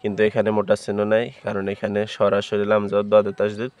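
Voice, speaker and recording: A man teaching Quran reading from a primer, spelling out letters and marks, then chanting each syllable loudly and drawn out. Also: lowish voice, completely flat delivery, fast, no room sound. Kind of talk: spelling-out Quran recitation lesson.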